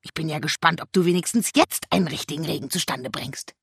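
A reader voicing a wise, blunt male talking raven with a shrill, croaking voice in an audiobook. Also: fairly quick, a bit bright, no room sound, studio quality. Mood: reproachful. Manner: reproachful, blunt. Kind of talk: audiobook reading.

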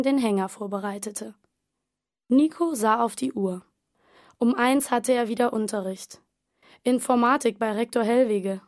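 A woman narrating a suspense story as an audiobook, in a tense and measured storytelling manner. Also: a little high, dry recording, studio quality.

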